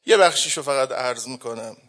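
A man preaching a mourning sermon, chanting the lament slowly and drawn-out, swinging between hushed and loud. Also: mid-range voice. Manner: slow, drawn-out delivery.

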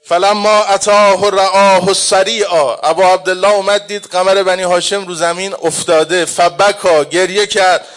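A man preaching a mourning sermon, chanting the lament slowly and drawn-out, swinging between hushed and loud. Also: sits high, flat delivery. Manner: slow, drawn-out delivery.

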